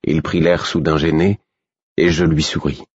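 A man reading a first-person novel aloud, with steady, measured narration and voices for the characters. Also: very deep voice, slightly rough, dry recording, lo-fi sound. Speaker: audiobook narrator.

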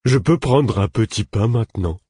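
A man's voice: lowish voice, expressive, normal speed, dark tone, breathy edge, no room sound, clean studio sound, pitched above the performer's own voice. A man voicing a simple-minded, sulky and greedy small man in a childlike whine. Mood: pleading.

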